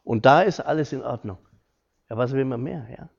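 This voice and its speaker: A man's voice: mid-range voice, moderate pace, creaky. A middle-aged man, giving an informal talk from his hospital work, earnest and homely, acting out quoted dialogue. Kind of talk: informal lecture with personal stories. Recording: echoey hall, dull lo-fi sound.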